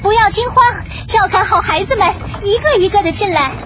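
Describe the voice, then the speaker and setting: A woman voicing a calm, firm mother hen who reassures the others and gives orders. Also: fairly high pitch, moderate pace, background noise, close to an everyday voice. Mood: commanding. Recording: dull lo-fi with faint music.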